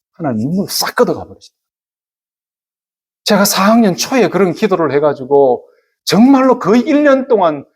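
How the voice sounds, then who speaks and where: A man preaching a sermon as pastor of a church, animated and expressive, acting out surprised voices. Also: on the high side. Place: church service.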